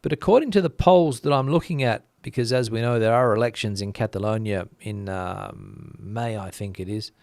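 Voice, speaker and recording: A man's voice: on the low side, moderate pace, vocal fry, hardly any pauses, darkish tone, dry recording. Chatty man with a dry, close sound. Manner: chatty, thinking aloud with many fillers. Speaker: host reading viewer comments. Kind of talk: casual commentary.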